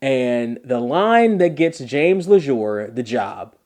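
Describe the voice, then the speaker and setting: Male podcast host, energetic and chatty, gushing episode recap. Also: medium pitch, takes it slowly, background noise. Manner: enthusiastic, animated, repeats phrases for emphasis.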